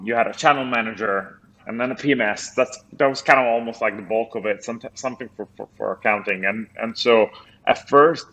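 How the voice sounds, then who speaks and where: Over a remote call, a podcast guest from Italy who founded a company talks in a casual interview, considering his words and hesitating frequently in his Italian accent. His voice is fairly low and a bit bright, with the highs cut off.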